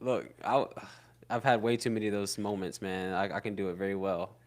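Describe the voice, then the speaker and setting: A young man co-hosting a podcast, talking in relaxed, slangy banter. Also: on the low side, a little fast. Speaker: podcast co-host. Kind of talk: casual podcast chat.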